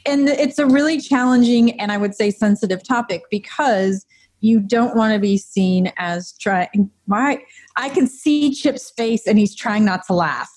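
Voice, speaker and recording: A woman co-hosting a podcast in casual chat, talkative and quick to laugh. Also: on the high side, darkish tone, dry recording. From United States. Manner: chatty, laughs easily. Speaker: podcast co-host.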